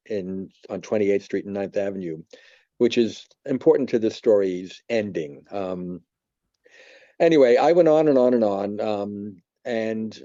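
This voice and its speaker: Reflective man in his seventies, dark voice. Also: on the low side, no echo, highs cut off. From New York. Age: 70s. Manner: halting, reflective, many pauses and fillers. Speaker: church member giving testimony. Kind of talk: personal testimony.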